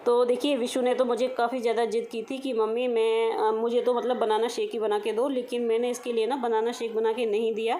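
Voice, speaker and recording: A woman's voice: on the high side, level tone, a little fast, few pauses, poor audio. A woman in her thirties chatting casually to viewers in a home vlog, talking to them directly. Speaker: vlogger.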